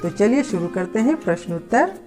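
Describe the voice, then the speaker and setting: A woman teaching a lesson to schoolchildren, explaining slowly and patiently. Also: mid-range voice, very animated, a little mellow, faint music behind. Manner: slow, patient, addressing children. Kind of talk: scripted lesson.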